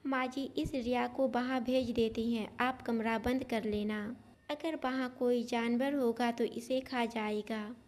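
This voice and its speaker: Woman reading as a sly greedy young woman in a story, wheedling, high-ish. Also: fairly even intonation, measured pace, darkish tone, close to an everyday voice. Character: scheming young sister-in-law, sly and greedy.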